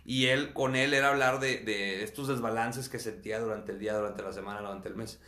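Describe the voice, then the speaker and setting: A man, a guest talking candidly in an interview, speaking quickly and restarting words often. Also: lowish voice, fairly even intonation, bright, forceful tone, roomy sound. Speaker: guest sharing his own experience.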